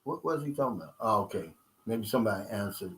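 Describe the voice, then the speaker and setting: This vlogger, a man in his fifties, fires through his live chat at a fast clip, responding to viewers in casual, streetwise language. His voice is lowish, expressive and fairly bright.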